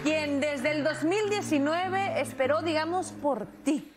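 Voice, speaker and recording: High-voiced woman hosting a studio show. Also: measured pace. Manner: lively, playful banter. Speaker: TV show host. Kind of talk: upbeat live studio hosting. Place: large indoor TV studio. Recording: studio with live audience and band music.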